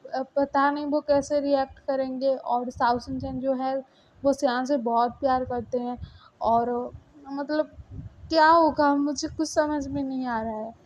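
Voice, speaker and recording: A woman voicing a young man who keeps begging his girlfriend's forgiveness, soft and pleading. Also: high voice, steady tone, unhurried, lo-fi sound. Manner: begging, soft, repeated pleas.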